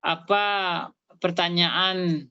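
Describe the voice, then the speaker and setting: Slow halting woman reading a lesson. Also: lowish voice, fairly even intonation, bright, forceful tone, highs cut off. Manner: slow, halting, with many fillers and self-corrections. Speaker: student. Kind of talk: reading and translating an Arabic text aloud. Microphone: online video call.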